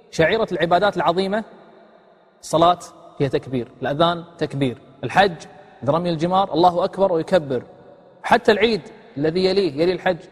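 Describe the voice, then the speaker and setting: Fast-talking husky male religious teacher. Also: high voice, in a large hall. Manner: poses rhetorical questions and demonstrates the phrases he teaches. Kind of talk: religious lesson on prayer.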